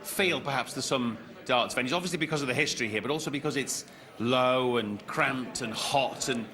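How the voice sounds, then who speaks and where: A man presenting a darts broadcast in a polished, measured way. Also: mid-range voice, pushed and bright. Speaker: TV sports presenter.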